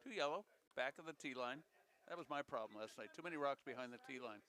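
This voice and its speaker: Man, bright forceful voice, casual curling commentator, jokey, repeats his calls. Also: mid-range voice, fast talker, clear, resonant tone. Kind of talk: live sports commentary, casual and chatty.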